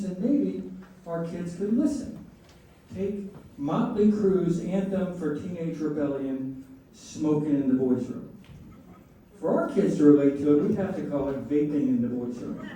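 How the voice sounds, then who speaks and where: Middle-aged guy doing standup, kinda high mellow voice, pauses for punchlines, crowd laughter, really echoey room. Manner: setup-and-punchline delivery with pauses. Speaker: stand-up comedian. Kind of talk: stand-up comedy set to a laughing audience. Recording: roomy echoing live venue, distant mic, faint noise. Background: audience laughter.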